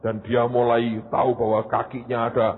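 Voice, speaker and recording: Animated male pastor. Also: medium pitch, normal speed, slight background noise. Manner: animated, addresses listeners as "saudara". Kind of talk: storytelling sermon. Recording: tinny phone-like sound.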